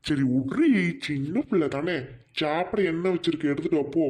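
A woman plays a soothing cartoon father from Tamil Nadu. He has a low, dark voice and an easygoing, calming manner. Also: moderate pace, slight background noise, natural voice. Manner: soothing, dismissive. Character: calm easygoing middle-aged father.

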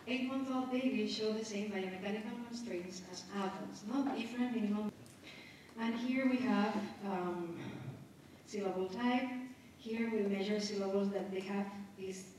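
A woman's voice: mid-range voice, a little mellow, a little hiss or hum. A woman giving a conference lecture, explaining step by step and adding tag questions as she goes. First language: Spanish. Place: conference hall. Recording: echoey hall from far off.

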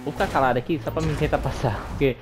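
A man's voice: mid-range voice, rapid-fire. A Brazilian man with a tongue-tied, slushy lisp giving informal, slangy commentary as host of a gameplay video. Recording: clear car and game noise behind. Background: car engine sounds from racing game.

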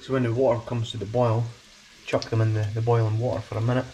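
A man's voice: medium pitch, fast, highs cut off. Chatty young New Zealand man. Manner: relaxed, chatty, repeats words while explaining. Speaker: vlogger. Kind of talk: casual cooking walkthrough. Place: home kitchen, indoors. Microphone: action camera. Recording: noisy home video with background hum.

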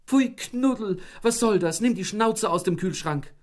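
A man's voice: high voice, normal speed, voice pushed up, natural voice. A man voicing a frantic housewife who shrieks in exasperation, in a storybook reading. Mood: shrill exasperation. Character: shrill frantic housewife, dog's mistress.

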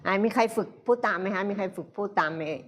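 A woman teaching English pronunciation in a live-streamed lesson, slowly drilling sounds and words and repeating each many times for learners to copy. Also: medium pitch, slight background noise. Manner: slow, drawn-out drilling of single sounds and words.

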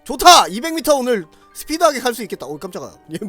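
A man doing loud, excitable gameplay commentary, exclaiming and talking straight to his viewers. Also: very high-pitched, quick pace, soft background music. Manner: loud, excitable, shouting and laughing often; talks to viewers directly. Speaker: game streamer.

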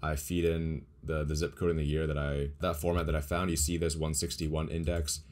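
A man's voice: a bass voice, a little fast. A young man casually walking through his data science project on a screen share, explaining as he goes with small restarts. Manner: relaxed, explanatory, thinks aloud with small restarts. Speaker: data science tutorial creator.

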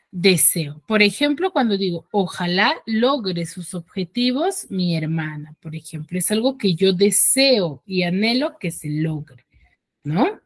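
Lively-voiced woman teaching a class. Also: medium pitch. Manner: explains step by step, asks pupils checking questions. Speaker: schoolteacher. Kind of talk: online grammar class. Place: online class from home.

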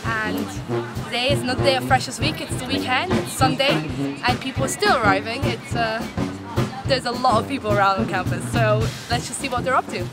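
A woman's voice: fairly high pitch, fairly quick. A young woman presenting a student TV show, interviewing people outdoors on campus in a bubbly, giggly, sing-song way. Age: young adult. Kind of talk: upbeat vox-pop interviewing. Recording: loud music and crowd noise over the voice. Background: music and crowd chatter.

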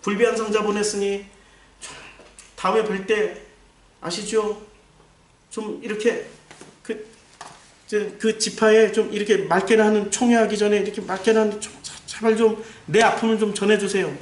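A man's voice: high voice, little pitch movement, moderate pace, long pauses, pitched above the performer's own voice, close to an everyday voice. A man voicing an aging male priest who pleads and apologizes in a wheedling, coaxing way. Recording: roomy echo, distant mic.

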